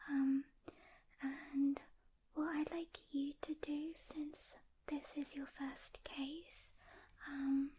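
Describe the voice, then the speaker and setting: Slight background noise sits under a woman's high, soft whisper as she roleplays a caring demon hunter for ASMR. She speaks close to the mic, reassuring a rookie gently and with pauses.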